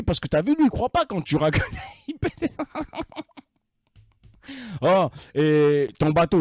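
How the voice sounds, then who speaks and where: A male livestream host chatting casually, with a voice set a bit high that swings widely. He talks in a teasing, crude way and laughs often. The sound is dry and close. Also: darkish tone, no room sound.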